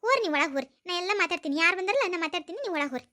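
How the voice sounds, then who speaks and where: A woman's voice: very high voice, lively intonation, rapid-fire, pushed and bright, full character voice. A woman with a North Karnataka accent playing an exasperated, defensive young daughter-in-law in a village comedy sketch. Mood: pleading. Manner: pleading, defensive.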